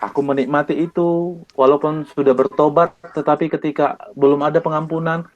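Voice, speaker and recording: Indonesian guy, evangelist, earnest testimony, kinda high voice, lots of pauses. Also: lo-fi sound. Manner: earnest, repeats phrases, many pauses. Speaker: evangelist guest. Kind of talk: personal testimony in interview.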